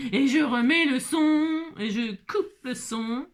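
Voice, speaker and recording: A woman with a high, light voice walks through a card-making tutorial in a loose, casual way. She is playful and teasing and keeps chatting directly to the people watching. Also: slow pace. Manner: playful, teasing, chatty, talks straight to viewers. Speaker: papercraft vlogger.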